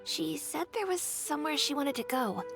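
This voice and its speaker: A woman's voice: sits high, animated, normal speed, vocal fry. A woman voicing a friendly young townsperson in a video game, casual and slightly hesitant. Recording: game music underneath.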